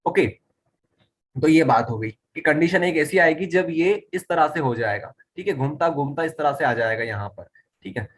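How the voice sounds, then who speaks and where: A man explains a physics lesson at a board, his voice sitting a little high for a man. He repeats key phrases and keeps checking that students follow. Faint background noise runs under the recording. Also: expressive, normal speed. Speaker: physics teacher.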